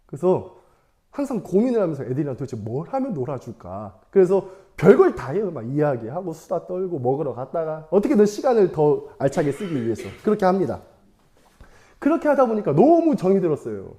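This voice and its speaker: Chatty young male preacher, lively pitch. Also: brisk. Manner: chatty, playful, laughs often; asks the audience questions. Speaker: evangelist preaching to children. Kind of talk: casual sermon with storytelling.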